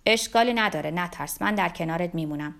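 A woman reading a storybook, voicing a gentle older man who speaks tenderly and reassuringly in a lowered voice. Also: creaky.

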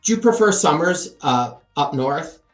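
A man's voice: fairly high pitch, expressive, measured pace, faint music behind. Chatty interviewer man in an echoey room. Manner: curious, chatty questioning with fillers. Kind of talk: casual interview chat.

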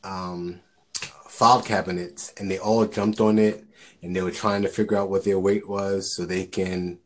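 A man's voice: deep voice, little pitch movement, moderate pace. A man talking earnestly in a casual conversation, giving encouragement and often repeating words as he starts a thought.

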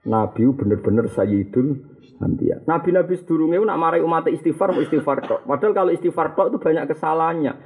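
A man's voice: medium pitch, dark tone. A middle-aged man with a Javanese accent giving a humorous sermon on a classical religious text, switching between Javanese and Arabic recitation. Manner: humorous, mixes Javanese, Indonesian and Arabic, laughs often. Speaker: Islamic preacher teaching a classical text. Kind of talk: sermon, kitab study lecture. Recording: tinny phone-like lecture recording.

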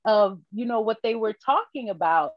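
A woman's voice: a little high, expressive, dry recording, highs cut off. Candid woman telling her story, dry sound. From Haiti. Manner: reflective, candid, halting with restarts. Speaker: podcast guest. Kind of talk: personal storytelling interview. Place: New York.

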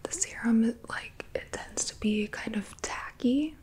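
Whispered role-play by a slow, soft-voiced spa woman. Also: a little high. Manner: gentle, soothing spa attendant, slow and attentive. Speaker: ASMR host playing a spa beautician.

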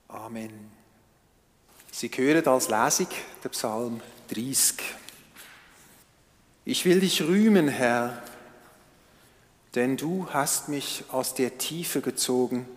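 A male pastor, leading prayer and reading scripture in a calm, measured, solemn manner. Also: on the high side. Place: church. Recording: long church reverb.

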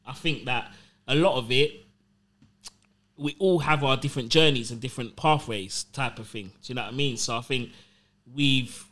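A man's voice: mid-range voice, moderate pace, a bit bright. A male DJ talking in casual, slangy group banter.

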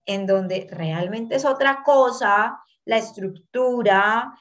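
A woman in her thirties with a Colombian accent, a guest in an interview telling her life story in an earnest, animated way and acting out what people said. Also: mid-range voice, takes it slowly. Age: 30s. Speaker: guest, tango dancer.

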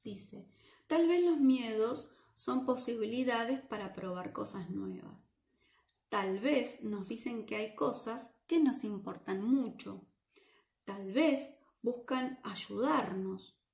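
A woman with a Rioplatense Spanish accent reads a picture book aloud to children, playful and lively, often asking them questions. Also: a little high, slow pace, creaky, roomy sound. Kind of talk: animated read-aloud for children.

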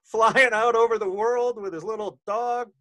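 A man's voice: high voice, fairly even intonation, moderate pace, sharp tone. A man hosting a podcast on a video call, running a party game in joking, profane casual chat. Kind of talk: casual late-night chat.

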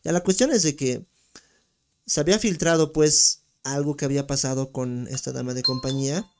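A man's voice: medium pitch, normal speed, darkish tone, a little hiss or hum. Give me a man, teasing his co-host in casual banter. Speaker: podcast co-host. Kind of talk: casual chat.

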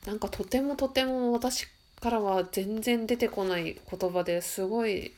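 A woman with a stuffy nose, slowly reading a prayer aloud and chatting softly about it between passages. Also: medium pitch. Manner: soft, musing, slow and careful when reading. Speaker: podcast host reading a text aloud.

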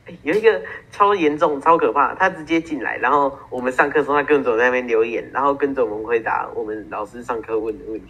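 A man's voice: mid-range voice, quick pace, hardly any pauses, fairly bright tone, husky. A teenage boy from Taiwan, co-hosting a casual podcast, telling stories and teasing his friend. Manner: storytelling, teasing. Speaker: podcast co-host. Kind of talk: casual chat. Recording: muffled single-track home recording.

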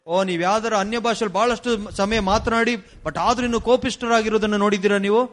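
A male interpreter rendering a sermon phrase by phrase, brisk and following the preacher's tone. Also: sits high, fairly even intonation, a bit bright.

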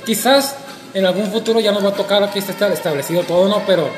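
This co-host's voice is high and fast; he hesitates and hunts for words during a casual panel discussion, adding dry jokes along the way. Music plays behind him in an echoey room.

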